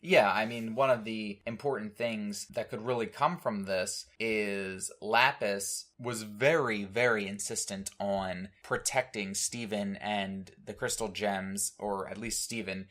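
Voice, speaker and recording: A man with a fairly low voice co-hosts a casual fan podcast, talking through episode details. He speeds up when he makes a point and keeps a friendly, chatty flow. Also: steady tone, a little slow, hardly any pauses, a bit bright. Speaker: podcast co-host.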